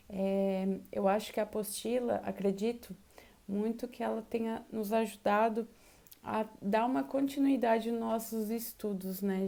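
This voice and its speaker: A woman teacher with a Brazilian accent giving an online language class, explaining slowly and raising her voice into questions to demonstrate intonation. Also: mid-range voice, vocal fry, darkish tone. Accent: Brazilian Portuguese. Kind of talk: online Portuguese class lesson.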